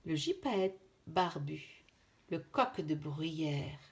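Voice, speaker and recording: A woman reads a children's picture book aloud in a lowish, even voice. She keeps a gentle, storytelling pace and talks directly to a child listening. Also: drawn-out words.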